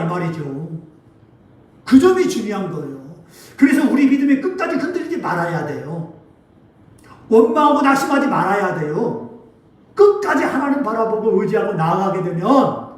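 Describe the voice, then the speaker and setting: A male pastor preaching a sermon in a church, pressing points with rhetorical questions and sudden bursts of loudness. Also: high voice. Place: church sanctuary. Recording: very echoey hall, voice from far off.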